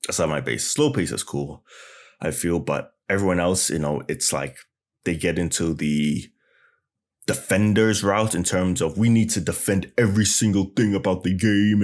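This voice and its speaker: Deep-voiced blunt gaming vlogger. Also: male voice. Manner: blunt, ranting, casual. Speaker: gaming YouTuber. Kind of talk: gaming news commentary.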